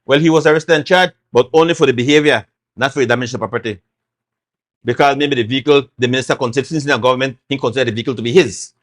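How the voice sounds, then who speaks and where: A man's voice: medium pitch, racing. A middle-aged Belizean man, a former party chairman, speaking as a guest in a talk show interview, making his points with emphasis and repetition. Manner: emphatic, repeats points, acts out quotes.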